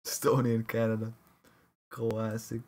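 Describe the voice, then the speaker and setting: A Latvian livestream caster casually chats with viewers during a game stream, joking, laughing often, and mock-protesting their teasing in the chat. His voice is lowish, with little pitch movement and a measured pace.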